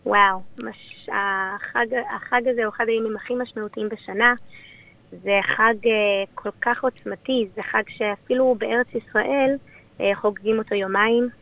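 A woman's voice: on the high side, no room sound. A woman with an Israeli accent, speaking as a community leader and guest in a conversational, explanatory radio interview. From born in Australia, raised there and in Israel. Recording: dull, lo-fi radio sound.

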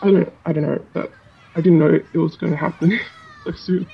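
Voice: mid-range voice, steady tone, normal speed, gravelly, husky, muffled recording. Anonymous tenant with a disguised voice. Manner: hesitant, with filler sounds. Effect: electronically disguised voice. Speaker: anonymous public housing tenant. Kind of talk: interview clip in a news report.

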